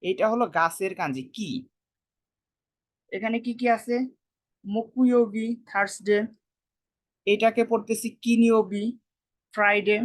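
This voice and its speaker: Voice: medium pitch, fairly even intonation. Teacher explaining Japanese words. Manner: explains slowly, repeats words, casual colloquial speech. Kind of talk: casual spoken lesson.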